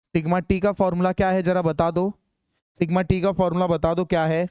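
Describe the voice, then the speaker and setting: High-voiced man teaching a class. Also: little pitch movement, darkish tone, clean tone, dry recording, studio quality. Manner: urges students to hurry, dictates formulas slowly. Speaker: engineering teacher. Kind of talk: classroom lecture solving problems.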